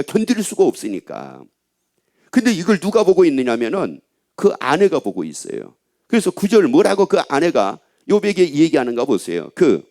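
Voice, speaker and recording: A male pastor delivers a sermon in a high voice that swings widely up and down. He speaks straight to his listeners, asks one rhetorical question after another and repeats phrases to press each point. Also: darkish tone. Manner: emphatic rhetorical questions to the congregation; repeats and restates phrases for emphasis.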